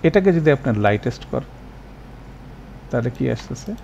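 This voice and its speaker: A man teaching grammar in a recorded lecture, explaining step by step and slowly repeating example words, with English terms mixed in. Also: medium pitch, big pitch swings, creaky, a little mellow, highs cut off, a little hiss or hum. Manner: mixes English terms into his talk.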